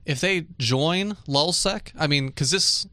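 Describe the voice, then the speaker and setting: A man's voice: a little high, slow pace, pushed and bright, dry recording. Chatty male podcast host, dry sound. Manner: chatty, filler-heavy, laughs easily. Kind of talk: casual tech news chat. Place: dry studio.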